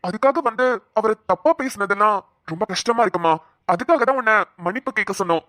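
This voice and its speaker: A woman voicing a young husband in a cartoon, coaxing and calming his upset wife. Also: mid-range voice, quick pace, no room sound, lightly acted. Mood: reasoning. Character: young husband, patient and soothing. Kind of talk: Tamil cartoon drama voice acting.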